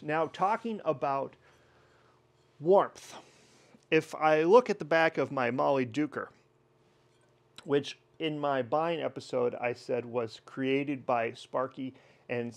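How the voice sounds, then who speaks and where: A man hosting a wine tasting lesson, explaining in a relaxed, chatty way with pauses and fillers. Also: medium pitch. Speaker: wine educator host.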